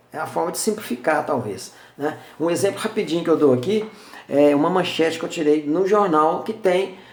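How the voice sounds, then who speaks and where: An older man with a Brazilian Portuguese accent gives a chatty, informal lesson, often checking in with his listeners. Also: fairly high pitch. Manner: chatty, checks in with frequent tag questions. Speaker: language presenter. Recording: roomy echo.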